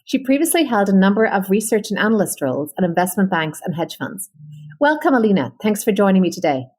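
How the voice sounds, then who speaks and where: A woman hosting an interview podcast, introducing her guest and asking questions in a measured, conversational way. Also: medium pitch, big pitch swings, slightly rough. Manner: warm and measured, reading sponsor copy and asking questions. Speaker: podcast host.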